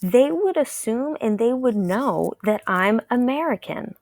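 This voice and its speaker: A woman's voice: a little high, lively intonation, unhurried, a little mellow, no echo. A woman from Texas, teaching a recorded math lesson, patient and repeating key ideas to her viewers.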